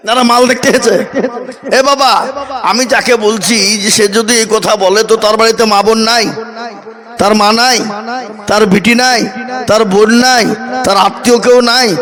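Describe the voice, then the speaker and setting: A male preacher, telling a comic story in a loud, animated sermon to a crowd. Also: very high-pitched.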